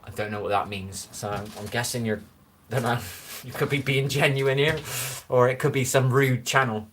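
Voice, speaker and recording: A man's voice: mid-range voice, steady tone, normal speed, a bit bright, slight background noise. Man, Bristolian West Country accent, mid voice, rambling and chatty live-streamer on a phone. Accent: Bristolian West Country English. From Bristol, England. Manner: rambling, chatty, easily amused. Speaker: livestreamer. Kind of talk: casual live-stream chat reading comments. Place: his own room, lights low.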